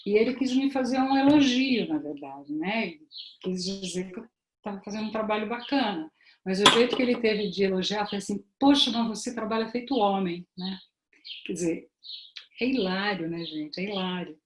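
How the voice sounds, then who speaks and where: A middle-aged Brazilian woman talks through her ideas on a live stream, explaining things at length. She keeps turning to her viewers with little tag questions. Her medium-pitched voice carries noticeable room echo. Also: normal speed, slight background noise. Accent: Brazilian Portuguese. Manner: conversational, often adds tag questions, addresses viewers directly. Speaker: therapist giving a live talk. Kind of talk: informal live-stream lecture.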